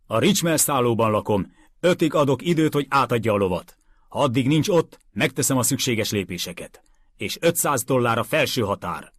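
A man's voice: on the low side, big pitch swings, dry recording, pitched above the performer's own voice. A man reading aloud, voicing a blustering, pushy wealthy man in a storybook. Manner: loud, insistent, bullying.

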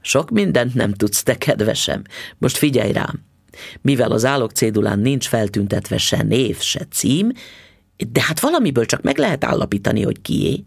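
A fussy, smug husband from a storybook explains things in a measured, condescending tone, as a male narrator voices him. His voice is gravelly and a little husky, with lively pitch, and the recording is dry and close. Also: no room sound, heavily acted. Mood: lecturing. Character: pedantic middle-aged dentist husband, precise and smug.

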